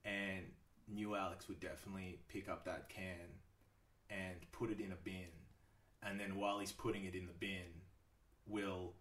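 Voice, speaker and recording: Male podcast guest, very low voice, relaxed and profane, laughs a lot, echoey room, sits back from the mic. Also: normal speed, distant mic. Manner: laid-back, swears a lot, laughs often. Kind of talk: casual chat.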